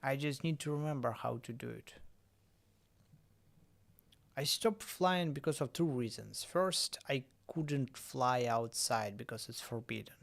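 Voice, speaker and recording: A man streaming a drone-flying game, chatting casually in halting English. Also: mid-range voice, vocal fry. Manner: halting, self-correcting non-native English.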